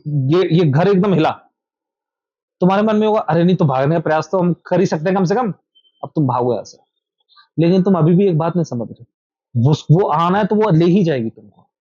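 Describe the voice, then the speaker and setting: A man's voice: high voice, a little mellow, breathy edge, dry recording, dull audio. A man teaching meditation to a small group in an informal talk, repeating his points and speaking straight to his listeners. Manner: repetitive, instructive, addresses listeners directly. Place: indoor meetup room.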